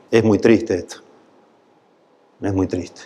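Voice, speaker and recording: A man's voice: on the low side, steady tone, slow, dark tone, long reverb tail. A man with a Rioplatense Spanish accent preaching a sermon, voice swelling into impassioned pleading at its peaks. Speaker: pastor.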